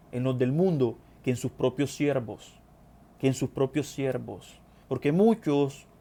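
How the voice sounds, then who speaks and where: A man's voice: mid-range voice, warm tone. A man preaching a sermon, reading scripture and speaking earnestly to his listeners, repeating phrases for emphasis. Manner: addresses brethren directly.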